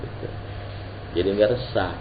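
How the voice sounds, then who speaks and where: A man's voice: deep voice, moderate pace. Man teaching a religious lesson. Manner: casual Jakarta-slang preaching, lively and joking. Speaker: Islamic teacher. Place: religious gathering hall. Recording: dull lo-fi recording with faint hiss.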